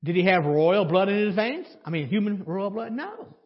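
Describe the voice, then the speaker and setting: A man with a high-pitched voice preaches at a moderate pace in a church sanctuary, a pastor chatting with his congregation, posing questions and slipping in dry sarcasm. The audio is dull, with long church reverb.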